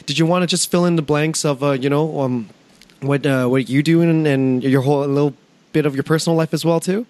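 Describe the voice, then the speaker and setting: A man's voice: a little high, steady tone, a little fast, a little mellow, no room sound. Male podcast host, casual and hesitant, dry recording. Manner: hesitant, lots of fillers. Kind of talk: casual interview.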